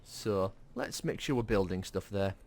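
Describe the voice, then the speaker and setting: A man's voice: lowish voice, measured pace, a little hiss or hum. A man hosting a gaming video with casual, off-the-cuff gameplay commentary. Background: game sounds.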